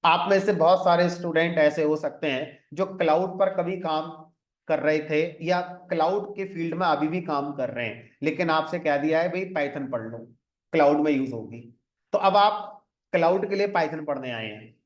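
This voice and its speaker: A man in a slightly high voice gives a classroom lecture on programming. He explains one point at a time and mixes English terms into his Hindi. The recording rings with a clear room echo. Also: moderate pace. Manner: explains step by step, often adds "ठीक है" to check in. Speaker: programming teacher. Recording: echoey room.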